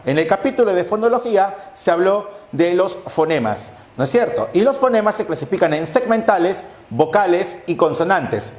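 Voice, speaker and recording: A man's voice: high-pitched, darkish tone. Methodical male lecturer in an echoey room. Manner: methodical, recaps often with rhetorical questions. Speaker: language teacher. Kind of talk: exam-prep lecture.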